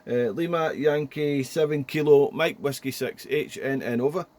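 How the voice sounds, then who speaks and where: A man's voice: on the high side, moderate pace, a little mellow. A man chatting casually as a ham radio operator, rambling and repeating himself. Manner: rambling, repetitive, often ending phrases with "there". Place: small indoor home radio room.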